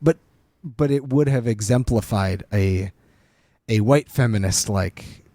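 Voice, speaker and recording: A man co-hosting a casual movie podcast, animated and quick to laugh, often trailing off and restarting. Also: fairly low pitch, no room sound, studio quality. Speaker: podcast co-host.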